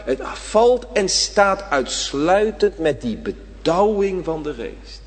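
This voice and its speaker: A man preaching a sermon to his congregation, swinging between loud emphatic lines and hushed ones. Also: sits high, very animated, takes it slowly, breathy edge. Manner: addresses the congregation directly. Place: church. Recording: reverberant church hall.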